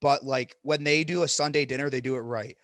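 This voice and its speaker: A man's voice: mid-range voice, fairly even intonation, fairly quick, fairly bright tone, no echo, studio quality. A young man co-hosting a podcast in casual chat, blunt and profane, joking about food and sports. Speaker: podcast co-host.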